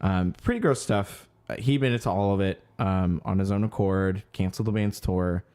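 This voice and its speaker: A man with a lowish, darkish voice speaks at a normal speed while co-hosting a casual podcast and reading the music news. He hesitates a lot, with many ums and unfinished sentences that trail off as he looks for words.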